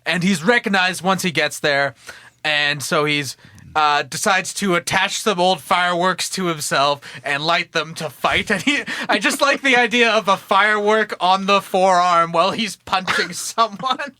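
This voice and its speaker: A man co-hosting a podcast who casually pitches a comic movie plot, rambling, laughing often and correcting himself. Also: measured pace, pushed and bright, no room sound. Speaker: podcast co-host.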